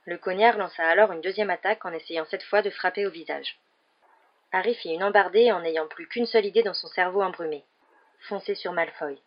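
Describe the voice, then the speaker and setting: A woman reads an audiobook chapter aloud in a steady, expressive storytelling manner. Her voice sits somewhat low, and the recording sounds dull and lo-fi. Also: fairly quick. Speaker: audiobook narrator. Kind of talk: scripted audiobook narration.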